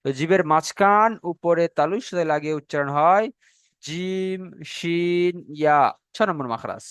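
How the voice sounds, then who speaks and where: Slow, repetitive male tajweed teacher. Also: a little high, fairly bright tone, smooth, dry recording. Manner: slow and repetitive, drawing out each letter sound; checks in with students. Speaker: Quran recitation teacher. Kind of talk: classroom lesson on letter pronunciation.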